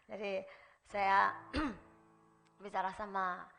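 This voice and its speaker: A woman preaching a sermon, speaking straight to the congregation and swinging between emphatic and hushed delivery. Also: mid-range voice, flat delivery, very slow, gravelly, soft background music. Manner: constantly addresses the congregation directly.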